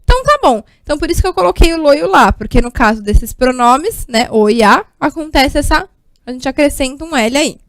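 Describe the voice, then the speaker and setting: A woman's voice: sits high, very animated, a little fast, no echo. A Brazilian woman teaching Portuguese grammar at a board, explaining step by step and checking in often with her students. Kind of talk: whiteboard grammar lesson.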